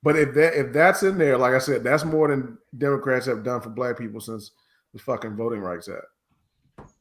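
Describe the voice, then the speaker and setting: Man, American accent, medium pitch, casual podcast panelist, opinionated, argumentative. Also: normal speed. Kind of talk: casual political podcast discussion.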